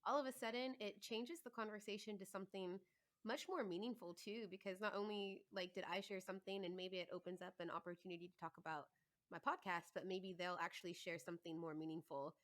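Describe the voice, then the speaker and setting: A woman hosts a podcast interview and speaks at an ordinary medium pitch. She is eager and chatty, and she keeps backing up her guest's points with quick agreement. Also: fairly even intonation. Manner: enthusiastic, affirming, chatty. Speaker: podcast host. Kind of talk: conversational interview.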